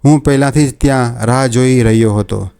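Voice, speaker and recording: A man telling a first-person story in a calm, steady storytelling manner. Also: mid-range voice, brisk, gravelly, clean tone.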